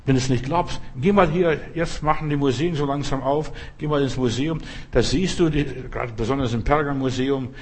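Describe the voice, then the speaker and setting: A man's voice: mid-range voice, a little fast, darkish tone, breathy edge. A man preaching a provocative, conversational sermon, often asking his listeners whether they understand.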